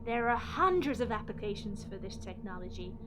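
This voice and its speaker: A woman's voice: medium pitch, animated, a little fast, background noise, close to an everyday voice. A woman playing a scornful, theatrical renegade alien scientist villainess in a sci-fi audio drama, mocking and melodramatic, drawing out her taunts. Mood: grandiose.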